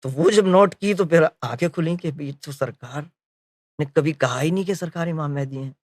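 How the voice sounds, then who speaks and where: Speaking in a slightly high voice, a man recounts his memories of a spiritual leader as a story, acting out the conversations he quotes. He often pauses on filler phrases and corrects himself, and the recording is dry and of studio quality.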